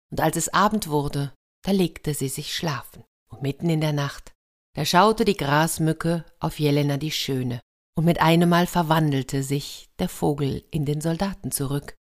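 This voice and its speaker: A woman telling a fairy tale aloud in a lively way, with chatty asides to the listeners. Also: low voice, normal speed. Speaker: storyteller.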